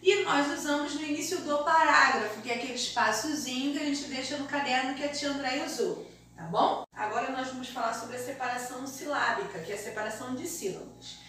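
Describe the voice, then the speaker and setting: Brazilian woman teacher, high voice, distant mic with faint hiss, sing-song pace for young kids. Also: pushed and bright. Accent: Brazilian Portuguese. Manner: slow, deliberate, sing-song explaining to young children. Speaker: primary school teacher. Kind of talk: remote primary school lesson. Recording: very echoey room, mic far off, faint hiss.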